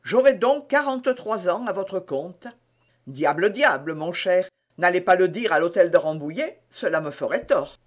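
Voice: medium pitch, normal speed, lightly acted. Aramis, a vain, teasing abbé, as read by a narrator. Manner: teasing, imperious, lively. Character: vain, witty male abbé, former musketeer, about forty. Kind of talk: audiobook character reading.

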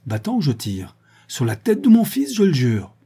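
A man voicing a fierce, protective young mother who speaks in a commanding, forceful way. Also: on the low side, normal speed, husky. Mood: fierce threat.

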